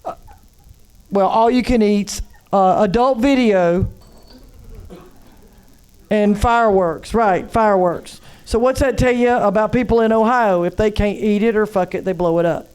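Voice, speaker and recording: A woman's voice: medium pitch, unhurried, a little mellow, clear, resonant tone. A woman from North Carolina with a Southern accent, doing a live stand-up set in a comedy club and teasing the crowd in a chatty drawl. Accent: Southern American.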